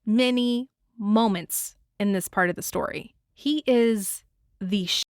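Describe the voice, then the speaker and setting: A woman hosting her own podcast, reviewing a movie in casual, animated talk with frequent swearing and laughter. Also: medium pitch, takes it slowly, smooth, no echo, studio quality. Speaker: podcast host.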